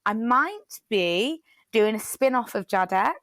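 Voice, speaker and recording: A woman's voice: fairly high pitch, expressive, slow, a bit bright, dry recording. Chatty woman with dry sound. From Britain. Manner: chatty, rambling, frequent fillers and restarts. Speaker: playwright and theatre director. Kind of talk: casual chat.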